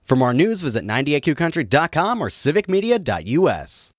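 A man's voice: a little high, sing-song, brisk. A man anchoring a radio newscast, reading from a script.

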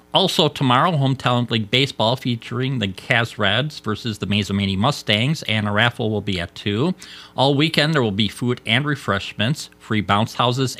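An American man reading scripted local radio news as an announcer, in a measured, formal way. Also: mid-range voice, sharp tone. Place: radio studio.

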